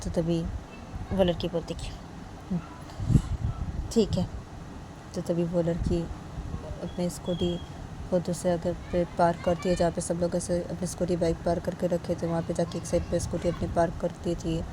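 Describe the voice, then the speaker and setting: A woman's voice: lowish voice, monotone, brisk, background noise. A woman telling a story informally, linking each event with repeated "then" phrases. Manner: chains events with repeated "तो तभी". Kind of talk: informal spoken story narration.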